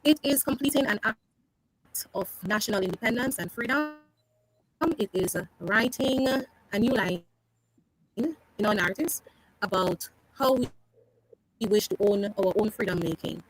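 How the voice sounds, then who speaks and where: A woman speaks over a remote video call, and her audio comes through buzzy and choppy, breaking up and dropping out. Her pitch is mid-range for a woman. She delivers her closing thoughts like a speech, repeating phrases for emphasis. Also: moderate pace, pauses often, poor audio. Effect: glitchy call audio that breaks up and drops out. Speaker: guest panelist. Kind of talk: impassioned closing remarks on a talk show.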